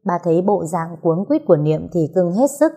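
A woman reading a story aloud as narrator, lively and expressive. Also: on the low side, fairly quick, breathy edge.

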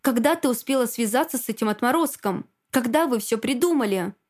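A woman reading a cold, tightly restrained man from an audiobook. He speaks in clipped, icy, measured words. The voice sits a little high. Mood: cold, commanding. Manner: clipped and icily calm.

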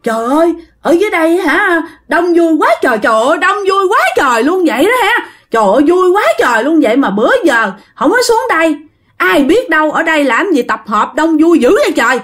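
Woman playing a possessed boy, Southern Vietnamese accent, shrill and menacing, high pitch. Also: a little fast, hardly any pauses, close to an everyday voice. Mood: eerie glee. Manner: shrill threatening taunts.

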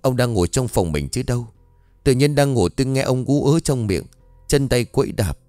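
A man's voice: mid-range voice, animated, moderate pace, mellow, no echo, soft background music, close to an everyday voice. A man voicing a frightened older wife who scolds her husband out of worry. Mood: fretful. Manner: scolding, fretful.

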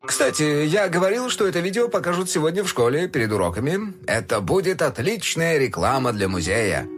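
Brief: a man doing a fussy, self-satisfied paleontologist dad in a storybook, lively sing-song lilt. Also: lowish voice, normal speed, faint music behind. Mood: pleased. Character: cheerful absent-minded paleontologist father, middle-aged. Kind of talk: storybook reading.

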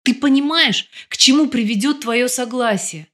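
A woman's voice: on the high side, normal speed, fairly bright tone, voice pushed up, close to an everyday voice. A woman voicing a desperate young male bodyguard who pleads in a raised voice in an audiobook.

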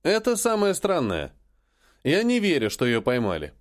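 A man voicing a stern alien rebel leader who speaks in a cold, grim, measured way. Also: a little high, huge pitch swings.

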